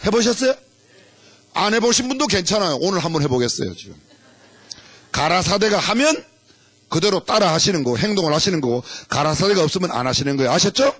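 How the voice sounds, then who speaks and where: A man's voice: a little high, sing-song, fast talker, fairly bright tone, husky, no room sound. A middle-aged male pastor preaching in a church, playfully leading the congregation through a game. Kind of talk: sermon. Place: church sanctuary.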